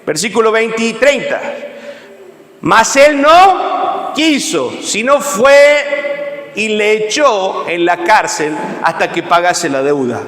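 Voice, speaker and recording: A man's voice: high voice, big pitch swings, slow pace, a bit bright. A man preaching a Bible lesson, reading verses aloud and emphatically asking the congregation questions. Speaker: pastor teaching a Bible class. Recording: echoey church hall with long reverb.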